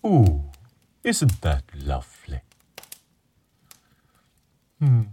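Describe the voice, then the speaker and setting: A man as a gentle storytelling dragon. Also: low-pitched, slightly rough, full character voice. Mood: soothing. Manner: soothing, slow, guided-imagery calm. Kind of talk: children's relaxation storytelling.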